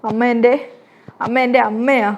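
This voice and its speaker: A woman's voice: a little high, level tone, moderate pace, muffled recording, lightly acted. A woman voicing a remorseful young woman who pleads tearfully with her mother-in-law, read out in a soap-serial recap. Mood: earnest.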